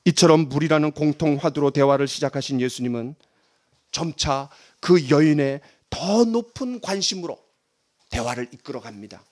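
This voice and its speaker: A middle-aged male pastor preaching a sermon, dramatic, swinging between loud emphasis and hushed near-whispers and leading the congregation in reading aloud. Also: a little high, lively intonation, normal speed.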